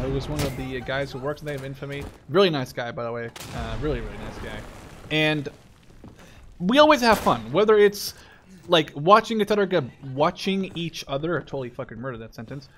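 A man with a fairly high voice rambles casually through gameplay as a YouTuber, easily getting sidetracked. There's slight background noise, though loud gunfire, artillery and explosions from a shooter game sound behind him.

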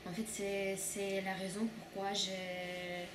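A young woman, a student, speaking soft, hesitant learner's French with many fillers. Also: mid-range voice, little pitch movement, takes it slowly. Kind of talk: interview answers. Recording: echoey room, far mic, noise.

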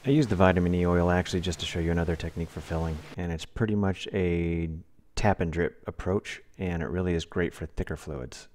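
Man, deep low voice, DIY tutorial voice-over, relaxed and practical, close mic, faint background noise. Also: a little fast. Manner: relaxed, practical, plain-spoken. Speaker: DIY channel host.

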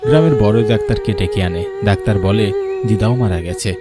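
Low-voiced male horror storyteller. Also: huge pitch swings, fairly quick, loud music behind the voice. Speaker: narrator. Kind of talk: scripted storytelling narration.

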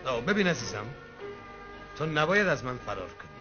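A man's voice: mid-range voice, big pitch swings, music in the background, lightly acted. An actor playing a scheming man who threatens a woman into marrying him, with a smug, menacing manner. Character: scheming village lord forcing a woman to marry. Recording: dull old film soundtrack with loud score.

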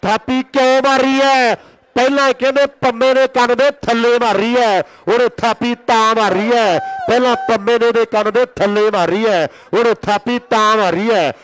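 A man giving excited, urgent rural sports commentary on kabaddi, repeating his calls and announcements. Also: extremely high pitch, moderate pace, slight background noise. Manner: excited, urgent, repetitive calling of play and announcements.

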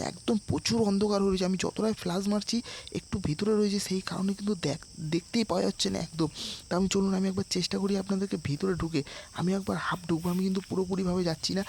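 A man vlogging outdoors at night on a dark street, talking quietly into a handheld phone camera as he sneaks along. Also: high-pitched, creaky, a little hiss or hum. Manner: speaking quietly in a hushed voice while sneaking near a house. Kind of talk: casual vlog narration.

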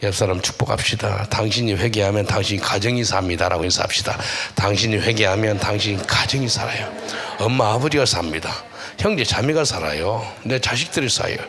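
A man pastor preaching a sermon in an animated storytelling manner, acting out dialogue and urging his listeners. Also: on the low side, a little fast, few pauses. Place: church hall.

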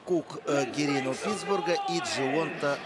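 A man giving live ice hockey commentary in a halting way, with many drawn-out hesitation pauses. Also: a little high, very noisy. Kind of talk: live play-by-play sports commentary.

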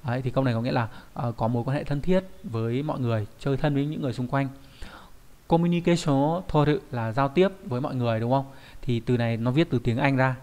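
A man's voice: medium pitch, fast, darkish tone. A young adult man teaching a Japanese vocabulary lesson, explaining patiently and often checking in with rhetorical tag questions.

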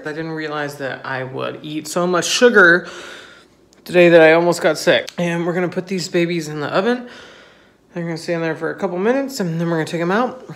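A man in his twenties chatting casually and excitably to camera as he bakes, giggly and gushing. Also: a little high. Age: 20s. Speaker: host of a home baking vlog. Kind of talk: casual chat to camera while baking. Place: home kitchen. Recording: echoey kitchen, clicks and background noise.

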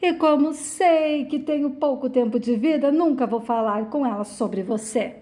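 A woman's voice: sits high, normal speed, warm tone, lightly acted. A woman reading as a defiant sick woman. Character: gravely ill, defiant adult woman.

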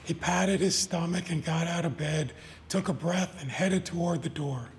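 A man reading his short stories aloud at a live event, in an even, deliberate storytelling manner. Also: a little high, a little hiss or hum. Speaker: author. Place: live reading before an audience.

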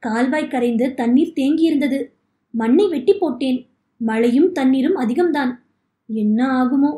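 A worried, hardworking farmer speaks plainly about his crops, as a woman reads him aloud. The voice is high and mellow. It echoes in the room. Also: normal speed, natural voice. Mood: earnest.

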